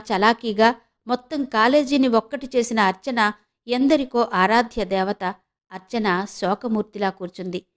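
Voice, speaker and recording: A woman narrating a novel audiobook in an expressive, measured storytelling manner. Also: a little high.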